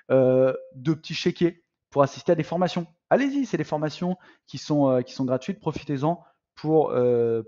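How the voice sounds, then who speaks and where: A man's voice: on the high side, dull audio. A man coaching would-be entrepreneurs in a live online masterclass, talking to the audience as friends, with lots of fillers and restarts. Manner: animated, addresses audience as "les amis", many fillers. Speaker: business coach.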